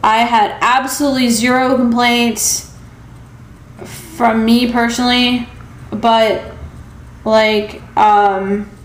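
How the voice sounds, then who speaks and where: A young woman with an American accent, a South Carolinian originally from Pakistan, speaks on the high side with little pitch movement as she hesitantly rambles through a casual vlog, pausing long and often. A faint hiss or hum accompanies the echoey sound of her small shelved room, captured by a camera or phone at arm's length.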